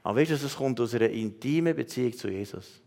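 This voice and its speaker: A man's voice: mid-range voice, lively intonation, fast, creaky, darkish tone. A man with a Swiss German accent preaching, giving earnest prophetic words straight to people in the congregation, with frequent hesitations. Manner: earnest, addresses listeners directly, many hesitations. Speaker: pastor.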